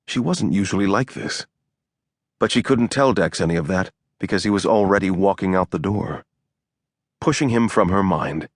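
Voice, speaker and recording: A man narrating an audiobook in a measured, even storytelling manner on a close studio mic. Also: low voice, no room sound. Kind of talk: scripted narration.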